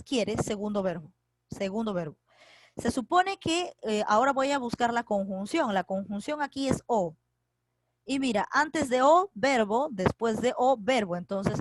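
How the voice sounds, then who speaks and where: A woman leads an online class from home. Her voice sits a little high, and she explains patiently, step by step, often stopping to ask a question back. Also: no echo, poor audio. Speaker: teacher. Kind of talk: online grammar lesson. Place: home, recorded for a virtual class.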